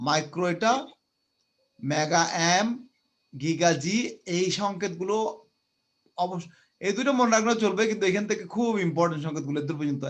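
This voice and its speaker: A man from Bangladesh teaching a live online physics class, repeating key terms and asking and answering his own questions, mixing in English words. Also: sits high. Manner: mixes English words into speech. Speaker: physics tutor.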